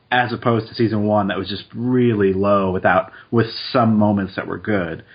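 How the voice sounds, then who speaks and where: Husky man on a lo-fi podcast. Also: fairly low pitch. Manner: relaxed, laughs easily, quick asides. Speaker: podcast co-host. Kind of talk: casual chat, reading statistics aloud.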